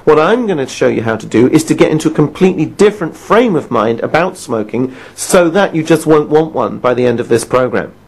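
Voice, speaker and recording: A man coaching listeners through a self-help lesson on quitting smoking. He talks in a slightly high voice, stressing his key lines slowly and checking in often with short questions to the listener. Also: lively intonation, darkish tone. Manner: emphatic, conversational, checks in with "Right?" and "Okay?".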